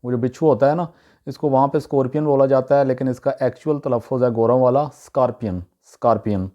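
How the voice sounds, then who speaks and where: A man teaches English pronunciation in a casual, unhurried way, repeating each word and pausing often on "uh." His mid-range voice sounds dark and relaxed. The recording is dull and muffled. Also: medium pitch. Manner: explains word by word, repeats each pronunciation twice, frequent "uh" pauses. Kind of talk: casual spoken lesson to camera.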